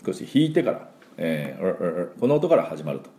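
A middle-aged man with a very low, dark voice teaches pronunciation in a loose, chatty way. His pitch moves a lot as he drags out sample sounds slowly and fills pauses with small filler words. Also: very animated, roomy sound. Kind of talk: casual spoken lesson.

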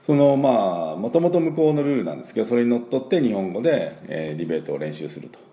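A middle-aged man with chatty, filler-heavy talk, hosting a daily English lesson and slowly drilling pronunciation. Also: lowish voice, very animated, mellow, roomy sound. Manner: chatty, many fillers, slow drawn-out teaching of sounds. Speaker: English teacher and school head.

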